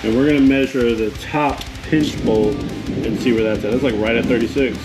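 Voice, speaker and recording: A man's voice: mid-range voice, fairly even intonation, normal speed, over loud music. A man giving casual how-to narration as he works, with a tongue-in-cheek, wry way of talking. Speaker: host of a DIY motorcycle garage video.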